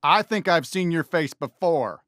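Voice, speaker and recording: Friendly toy cowboy sheriff for a game: American, folksy drawl, unhurried, swooping lively pitch, good-natured. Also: male voice, no echo, clean studio sound. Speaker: video game character greeting players. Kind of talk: animated game voice lines.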